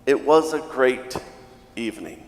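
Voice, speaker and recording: A man, a priest, reading the gospel and preaching at mass in a slow, measured way, his voice ringing with a cathedral echo in a large church. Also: medium pitch, animated. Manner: slow, measured liturgical delivery.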